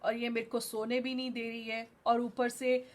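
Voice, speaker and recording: A woman's voice: fairly high pitch, level tone, moderate pace, lightly acted. A woman voicing a grumpy male lion, king of the jungle, in a storybook reading. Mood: irritated. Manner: roaring, irritable.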